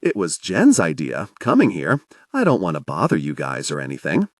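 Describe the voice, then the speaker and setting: A man's voice: sits low, huge pitch swings, normal speed, no echo, voice pushed down, exaggerated voice. A man doing a sheepish, awkward man. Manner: hesitant, apologetic. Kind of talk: audiobook character voice.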